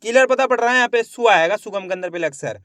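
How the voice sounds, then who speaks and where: High-voiced man spelling out words slowly. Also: a bit bright, no echo, studio quality. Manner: slow, drawn-out spelling of syllables, repeating each word. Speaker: Hindi writing teacher. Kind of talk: syllable-by-syllable spelling lesson.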